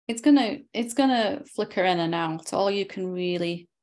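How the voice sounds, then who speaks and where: A woman spiritual teacher in a satsang dialogue, reflective and gently probing, often closing her points with tag questions. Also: mid-range voice, normal speed.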